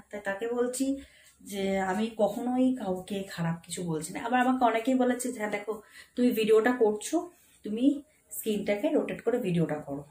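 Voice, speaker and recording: A woman's voice: medium pitch, darkish tone. A young woman, talking to her viewers in a casual phone vlog from home, earnest and a little repetitive. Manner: earnest, speaks straight to viewers, repeats herself. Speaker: vlogger. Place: room at home. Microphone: phone camera. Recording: roomy echo with faint background hiss.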